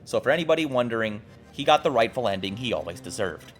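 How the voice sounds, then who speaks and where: A fast-talking man with a mid-range voice and lively intonation hosts a video essay show, narrating from a script with casual, profane asides. He's irreverent, jokey, and emphatic, with background music playing behind him.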